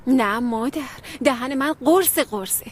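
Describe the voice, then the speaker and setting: Dubbed drama: weary young wife, high and husky. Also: female voice. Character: young married woman, resigned and tired.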